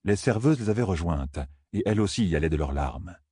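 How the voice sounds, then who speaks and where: A man narrating a fantasy novel as an audiobook, in a measured, even storytelling manner. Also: low-pitched, slightly rough, no echo, studio quality.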